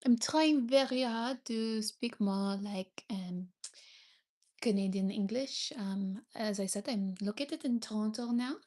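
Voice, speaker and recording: A woman's voice: medium pitch, unhurried, darkish tone. A young woman from France, a native French speaker with a French accent, chatting casually on her livestream, thanking viewers and sometimes searching for English words. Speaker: livestream host.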